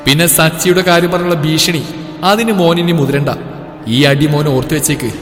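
A man's voice: fairly high pitch, moderate pace, a bit bright, close to an everyday voice. A man voicing a fierce, stubborn young woman who talks in a threatening, defiant way in a storybook reading. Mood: angry threatening. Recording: echoey room with reverb, faint music.

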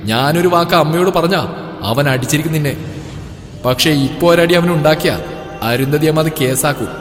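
A man's voice: on the high side, normal speed, lightly acted. A man voicing a fierce, stubborn young woman who talks in a threatening, defiant way in a storybook reading. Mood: angry threatening. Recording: echoey room with reverb, faint music.

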